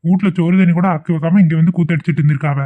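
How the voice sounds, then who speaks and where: Male actor for a gossiping older village husband with a Kongu Tamil accent, slightly high voice, lo-fi phone sound. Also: steady tone, rapid-fire, natural voice. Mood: grumbling. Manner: grumbling, gossiping. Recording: tinny lo-fi phone-like audio.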